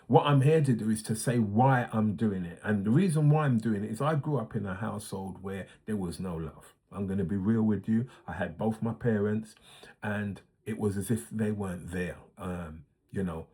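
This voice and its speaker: Husky man in his sixties, earnest. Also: lowish voice, darkish tone. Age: 60s. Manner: earnest, reflective, with frequent fillers and restarts. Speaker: host. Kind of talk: casual monologue.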